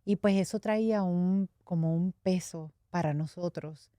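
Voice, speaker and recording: Talking a little slowly, a Puerto Rican woman in middle age tells her life story as a guest in an interview, open and reflective, now and then laughing lightly. She has a low, mellow voice with a Puerto Rican Spanish accent, recorded dry and close with no echo.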